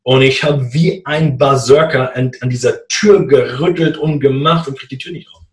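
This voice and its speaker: A man in a casual conversation, telling a personal story in a lively way and acting out what people said. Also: medium pitch, moderate pace, reverberant. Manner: animated, acts out quoted dialogue. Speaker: guest telling his story.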